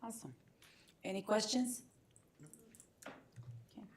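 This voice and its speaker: A woman chairing a school board meeting, moving briskly through agenda items. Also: mid-range voice, fairly even intonation, recorded from a distance. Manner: brisk, procedural. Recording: echoey meeting room.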